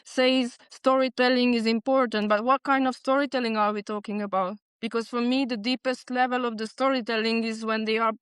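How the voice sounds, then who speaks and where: A woman's voice: a little high, fairly even intonation, brisk, few pauses, clear, resonant tone, no room sound. A woman in her forties from Transylvania, a Hungarian native speaker, talking earnestly and reflectively as a podcast guest. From Transylvania, Romania. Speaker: podcast guest, bar consultant. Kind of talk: casual interview chat.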